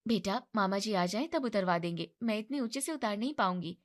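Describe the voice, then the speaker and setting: A woman's voice: medium pitch, expressive, fairly quick, close to an everyday voice. A woman voicing a tired, put-upon young wife who sounds weary and resentful, in a storybook narration.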